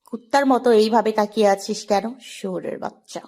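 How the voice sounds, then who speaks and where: A woman's voice: mid-range voice, a little fast, warm tone, natural voice. A woman voicing a rude, contemptuous young wife in an audio story. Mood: scornful. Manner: harsh, contemptuous, bossy. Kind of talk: audio drama acting.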